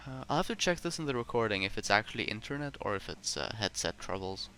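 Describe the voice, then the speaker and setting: A man co-hosting a casual podcast over a voice call, relaxed and a little hesitant, his failing headset making the audio choppy. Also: fairly low pitch, fast, music in the background. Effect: glitchy choppy internet audio. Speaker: podcast co-host. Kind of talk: casual chat about a board game.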